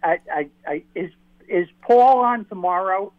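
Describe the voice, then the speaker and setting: A man calling in to a radio show on speakerphone, talking haltingly and repeating words as he restarts. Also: high voice, no room sound. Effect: on speakerphone over a phone line. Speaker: caller. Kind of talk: radio call-in question. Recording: tinny phone line on speakerphone.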